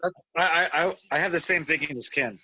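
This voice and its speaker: A man's voice: on the high side, fairly quick, pushed and bright. A man chatting casually with friends on a group video call. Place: indoors on a computer video call.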